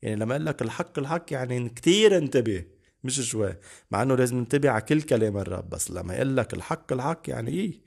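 Gravelly-voiced preacher. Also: male voice, medium pitch, expressive, racing, a little mellow. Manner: earnest, repeats key words for emphasis. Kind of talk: podcast Bible teaching.

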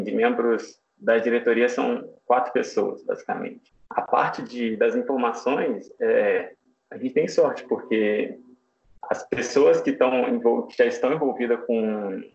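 A man talks as a guest, explaining casually. His voice is creaky, with plenty of fry, and the recording is roomy and dull. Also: medium pitch. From São João del Rei, Minas Gerais, Brazil. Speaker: podcast guest, fan page editor.

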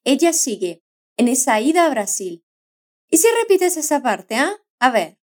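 A woman teaching a language lesson, modelling words slowly and clearly with encouraging prompts to repeat. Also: sits high, sing-song. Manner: slow, carefully modelled repetitions with encouraging prompts. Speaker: Spanish pronunciation teacher. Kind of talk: scripted language lesson narration.

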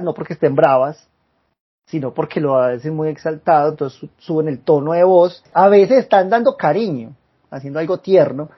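A man's voice: on the high side, breathy edge, muffled recording. A man co-hosting a podcast, chatting casually and laughing often. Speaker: podcast co-host. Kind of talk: casual chat.

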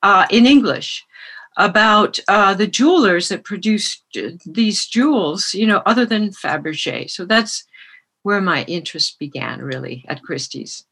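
A woman's voice: mid-range voice, expressive, unhurried, vocal fry, a bit bright, husky. A woman from France telling her story as a guest in an interview over a remote call, often laughing lightly.

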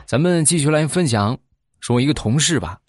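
A man's voice: mid-range voice, animated, over music. A man hosting a podcast, telling funny everyday stories in a chatty way and often tacking on tag questions. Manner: chatty, drops tag questions and drawn-out particles. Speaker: podcast host. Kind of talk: comic anecdote storytelling.

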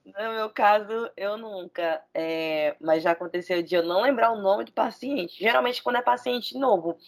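Measured, hesitant woman speaker. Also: mid-range voice. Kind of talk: casual chat.

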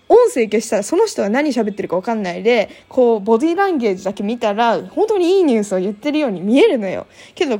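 A woman's voice: a little high, dark tone. A young woman chatting casually to her viewers, telling a personal story with many fillers and acted-out quotes. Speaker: vlogger.

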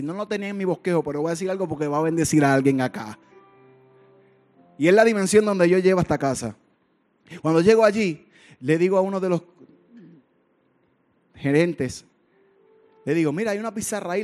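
A male pastor delivering a sermon, moving between hushed storytelling and loud, fervent outbursts. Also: high voice.

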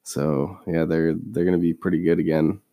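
A man with a cold, hoarse and husky, co-hosting a local sports radio show in a brief, matter-of-fact way. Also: low-pitched, level tone, normal speed, dry recording, dull audio. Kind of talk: casual sports talk.

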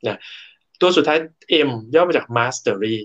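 A man's voice: medium pitch, animated, slow, a bit bright, muffled recording. A man giving a casual talk about workplace motivation. He explains step by step, tells stories from his own work life, and often restarts his words. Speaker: co-host and speaker.

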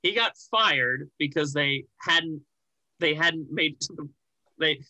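A young man co-hosting a casual sports podcast, rambling and animated with many restarts and fillers. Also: on the high side, unhurried, no room sound, low-quality recording. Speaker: podcast co-host.

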